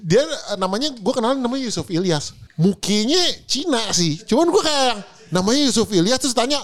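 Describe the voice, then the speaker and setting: A man with a strikingly high voice chats on a podcast. He tells his stories with lively energy, swears freely and acts out what people said. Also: a little fast. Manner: animated storytelling, swears a lot, acts out quotes. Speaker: podcast co-host. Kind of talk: casual chat.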